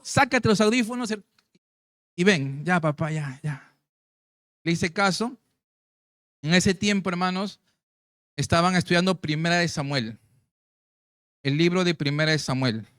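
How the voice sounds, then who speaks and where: High-voiced man preaching a testimony. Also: fairly bright tone, no echo, studio quality. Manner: storytelling, acts out quoted voices. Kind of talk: sermon testimony.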